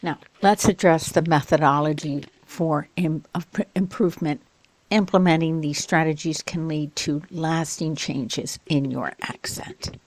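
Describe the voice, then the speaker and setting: A woman working as an accent coach teaches an online pronunciation lesson, speaking slowly, deliberately and encouragingly. Her voice is deep, and there is no echo.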